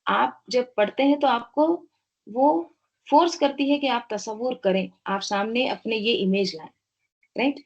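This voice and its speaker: Woman teaching Quran tafsir, slow verse recitation. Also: on the high side, gravelly, a little mellow, dull audio. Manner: explains word roots step by step, asks and answers own questions, tag "right?"; recites Arabic verses slowly.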